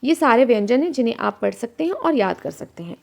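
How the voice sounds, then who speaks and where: A woman teaching a grammar lesson for children. She asks questions and answers them herself, and she slows down to sound out letters and example words. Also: fairly high pitch, very animated, vocal fry, a little mellow.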